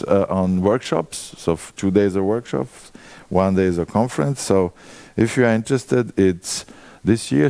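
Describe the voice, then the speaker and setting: A man in his forties from Croatia, speaking with a Croatian accent as he gives a conference presentation and puts quick questions to the audience. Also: lowish voice, warm tone, no room sound. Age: 40s.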